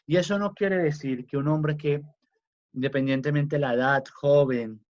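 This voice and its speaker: A man teaching a religious class in a slow, emphatic way, with fillers and restarts. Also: a little high, darkish tone. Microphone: video class recording. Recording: dull lo-fi sound.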